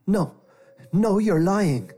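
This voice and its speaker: A man's voice: high voice, big pitch swings, measured pace, warm tone, slightly rough, voice pushed up, full character voice. A man playing a stammering scared boy. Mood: scared defiant. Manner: stammering, pleading. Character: frightened schoolboy, defiant but scared.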